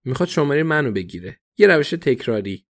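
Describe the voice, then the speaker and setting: A man voicing a sharp young policewoman who speaks wryly and confidently in a read storybook. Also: on the high side, sing-song, voice pushed up.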